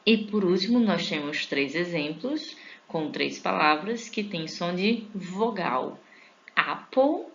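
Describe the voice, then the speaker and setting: Woman, low voice, unhurried teacher, casual online lesson, slightly dull recording. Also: animated, a bit bright, slight background noise. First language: Portuguese. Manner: informal, addresses viewers as a group; stretches out English example words slowly. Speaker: English teacher.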